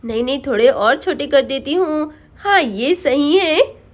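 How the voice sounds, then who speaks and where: A woman's voice: sits high, lively intonation, a little slow, pitched below the performer's own voice. A woman voicing a scheming village mother who is bossy and sly.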